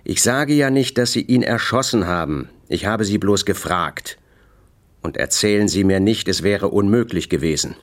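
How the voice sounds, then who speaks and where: A male reader plays a cold middle-aged man who presses his questions with calm indifference. His voice is very deep and stays level and unhurried. It is an audiobook character voice. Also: natural voice.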